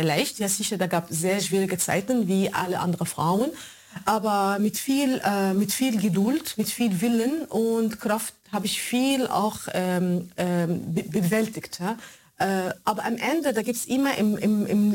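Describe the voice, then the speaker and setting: In this conversational interview, a radio show maker speaks non-native German with an Arabic accent, pausing often as she hunts for words. She was born in Germany but grew up in Kuwait and Egypt, and her mid-range voice sounds slightly mellow.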